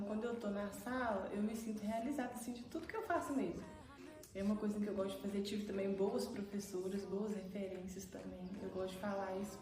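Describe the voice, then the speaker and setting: A young adult woman teacher reflects calmly on her work in a documentary interview. Her mellow, mid-pitched voice sounds far from the mic in a very echoey room. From Brazil, Minas Gerais.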